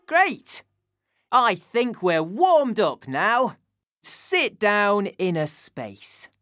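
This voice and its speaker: A woman's voice: medium pitch, no room sound. Woman doing a kids' singing class on school radio, bouncy sing-song voice, real dry sound. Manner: slow, lively, sing-song instructions to children. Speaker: children's music presenter.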